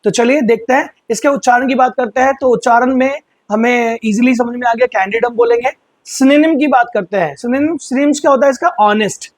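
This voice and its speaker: A man teaching English vocabulary in Hindi, explaining patiently and slowly repeating words for pronunciation. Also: very high voice, dry recording. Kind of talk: vocabulary lesson.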